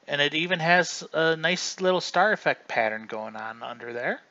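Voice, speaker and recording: Man, livestream host, chatty, rambling, bright tone, muffled lo-fi sound. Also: on the high side, moderate pace. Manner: chatty, rambling, often restarts mid-sentence. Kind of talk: casual livestream commentary.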